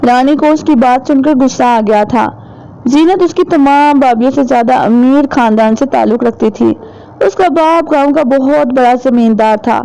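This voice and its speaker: A woman narrating a horror novel as an audiobook, in steady, measured storytelling. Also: sits high, gravelly, low-quality recording. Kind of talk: dramatic novel reading.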